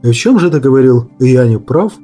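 Man doing a gruff young sergeant. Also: mid-range voice, lively intonation, a little fast, dark tone, soft background music, lightly acted. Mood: demanding. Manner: blunt exasperated speech. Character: young hot-tempered police sergeant.

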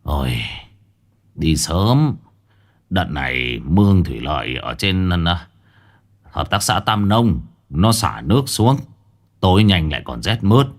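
A man's voice: sits low, expressive, unhurried, pauses often, heavily acted. Brief: man playing friendly older villager in a spoken ghost story, easygoing. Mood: chatty.

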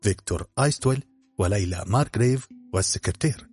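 Low, husky male drama narrator. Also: animated, fast, darkish tone, faint music behind.

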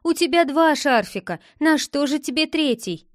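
A woman's voice: high-pitched, animated, normal speed, no room sound, studio quality, voice pushed up. A woman voicing a young girl who coyly keeps a secret from her brother and teases him. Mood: teasing. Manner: teasing, coy, lightly scolding.

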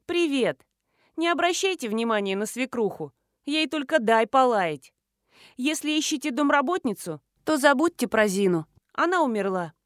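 A woman's voice: high-pitched, sing-song, moderate pace, dry recording, clean studio sound. A woman doing a brash, cheeky young village woman. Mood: chatty, mocking. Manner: brash, mocking, slangy.

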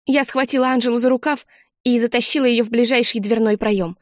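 Sex: woman. Role: audiobook reader. Style: first-person narration, measured. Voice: fairly high. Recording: dry studio. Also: steady tone, no echo.

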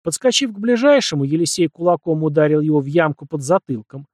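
A man narrating an audiobook in a measured, dramatic storytelling manner. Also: on the high side, a little mellow, no room sound, studio quality.

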